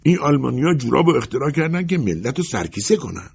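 A man voicing a gruff, stubborn older male tailor in an audiobook, with a blunt, matter-of-fact delivery. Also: mid-range voice, sing-song, a little mellow, pitched above the performer's own voice, heavily acted. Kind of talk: audiobook character voice. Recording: dull lo-fi recording.

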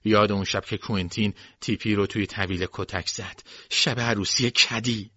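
A man voicing a calm inner voice that gently soothes and reminds. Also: on the low side, slightly rough, no room sound, dull audio. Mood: soothing.

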